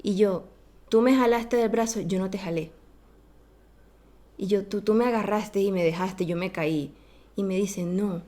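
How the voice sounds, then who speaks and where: A woman guest on a podcast, telling a childhood story in a casual, animated way and acting out the voices of the people in it. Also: mid-range voice, a little slow, pauses often.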